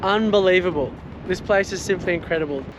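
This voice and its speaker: Guy, young travel vlogger, high-pitched voice, chatty and self-mocking, talks outdoors. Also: a little fast, noisy background. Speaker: travel vlog host. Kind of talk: casual travel vlog narration. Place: outdoors at a campground.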